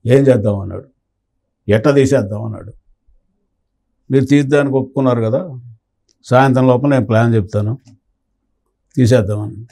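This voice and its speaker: A man's voice: medium pitch, normal speed, vocal fry, long pauses, mellow. An older man telling a long story in an interview and acting out the words of the people in it. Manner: anecdotal, acts out quoted dialogue. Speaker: retired police officer recounting memories.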